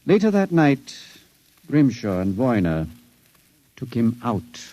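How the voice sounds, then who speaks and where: Educated, guarded male addict, mellow mid-pitched voice, dry manner, close studio sound, radio drama. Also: very animated, slow, dry recording, muffled recording. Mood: hushed, confiding. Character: intelligent, sensitive, guarded male addict, former professor. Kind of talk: 1950s radio drama acting.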